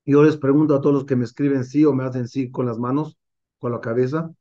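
A man's voice: medium pitch, steady tone, fast, lo-fi sound. A man teaching as a rabbi in an online class, driving his points home with many rhetorical questions. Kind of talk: Torah class over video call.

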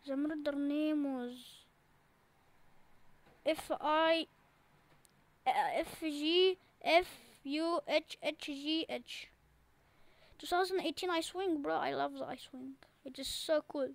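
Very high-voiced excitable gamer woman. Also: slow, pauses often, dry recording. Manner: excitable, repeats phrases, pleading cries. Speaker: gaming channel host. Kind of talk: casual gameplay commentary.

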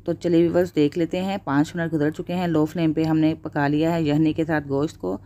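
A woman, narrating a home cooking tutorial as the channel's host, with steady step-by-step instruction and blessings for her viewers. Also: sits low, a little fast.

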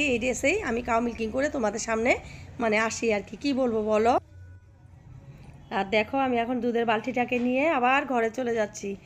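A hoarse woman vlogging by a cowshed, chatting affectionately with her viewers and often asking if they follow. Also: a little high, slight background noise. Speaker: village life vlogger. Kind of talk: casual vlog chat to viewers.

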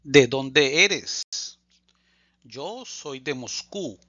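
A man teaching a language lesson, reading phrases slowly and deliberately and repeating them for learners. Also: medium pitch, expressive, pushed and bright, no room sound, muffled recording. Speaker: Spanish teacher. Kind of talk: slow scripted language lesson.

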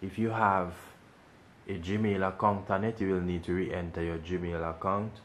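A man's voice: deep voice, little pitch movement, measured pace, a bit bright, slight background noise. A man hosting a casual how-to video, explaining each step and repeating instructions as he goes. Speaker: tech tutorial host.

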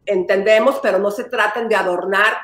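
A middle-aged woman co-hosting a casual gossip chat over a video call, teasing and emphatic, quick to argue her point. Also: medium pitch, fairly even intonation, fairly bright tone. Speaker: co-host. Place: home room with staircase. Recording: echoey room.

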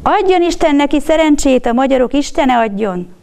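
Storybook figure: a woman playing a meek old blind beggar man, soft and shaky, a bit higher and slower than a plain reading. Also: animated. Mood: joyful. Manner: soft, trembling, pleading. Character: poor old blind male beggar, humble and pleading.

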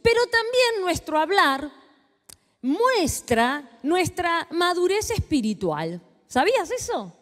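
A middle-aged woman with a Rioplatense Argentine accent, preaching to a live audience in an animated, teasing way. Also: extremely high pitch, slow pace, in a large hall. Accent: Rioplatense Spanish. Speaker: pastor and speaker. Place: large hall with a live audience.

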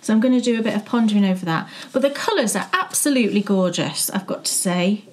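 A woman's voice: mid-range voice, lively intonation, fast. A middle-aged woman from South Yorkshire chatting casually about yarn as co-host of a knitting show, musing aloud with restarts. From South Yorkshire, England. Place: living room with yarn shelves, indoors.

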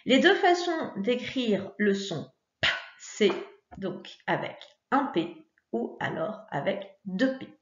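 A woman's voice: medium pitch, very animated, slow. A woman teacher talking young pupils through a phonics worksheet in a patient, encouraging way, with frequent fillers. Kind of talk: recorded lesson for young pupils. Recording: echoey room, dull lo-fi sound.

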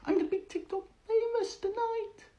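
A woman's voice: very high voice, flat delivery, normal speed, background noise, pitched above the performer's own voice. A woman voicing a goofy young prankster in a comedy clip. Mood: playful.

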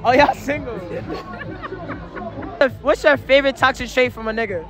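A man's voice: extremely high pitch, big pitch swings, measured pace. A man hosting a casual street interview outdoors, with playful, hyped banter. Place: outdoors on a busy city street. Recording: street crowd and loud music behind.

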